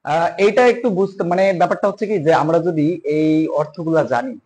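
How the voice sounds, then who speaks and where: A man teaches grammar in an easygoing way, and his voice sits a little high. He spells terms out letter by letter and draws key words out slowly as he explains. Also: animated, a little mellow. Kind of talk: casual spoken grammar lesson.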